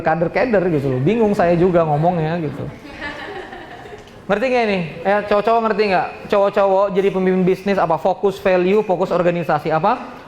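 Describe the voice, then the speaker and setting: A man giving a motivational business lecture, animated and acting out dialogues, often asking the audience questions. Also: high voice, echoey room. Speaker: business speaker.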